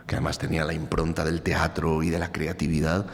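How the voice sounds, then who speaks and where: The voice is extremely low, monotone and brisk: a Spaniard with a Spanish accent lecturing the public earnestly and emphatically, repeating phrases to drive points home. Sound echoes through the large lecture hall where he speaks.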